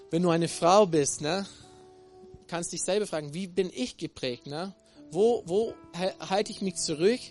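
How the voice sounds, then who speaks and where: A man from Texas with an American accent preaching a sermon, halting often with fillers and restarts and ending many phrases with a tag question. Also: on the high side. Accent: American English. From Texas, USA.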